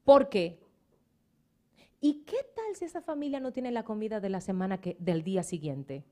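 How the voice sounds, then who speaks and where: A middle-aged woman pastor preaches at a normal speed in a mid-range voice. Her sermon is full of animated, emphatic storytelling, and she slips in English words.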